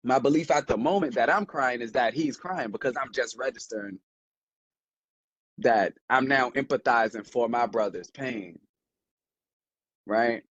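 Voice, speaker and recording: A man's voice: mid-range voice, a little slow, long pauses, breathy edge, dry recording, muffled recording. A young man, telling a heartfelt personal story in a rambling, casual way full of fillers. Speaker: podcast co-host. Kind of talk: casual conversation.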